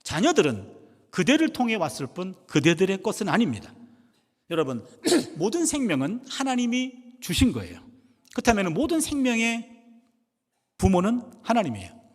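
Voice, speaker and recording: A man's voice: high-pitched, wildly swooping pitch, moderate pace. A middle-aged man preaching a sermon, telling a family story and acting out the voices in it. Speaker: pastor and former professor. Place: church sanctuary. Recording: church hall reverb.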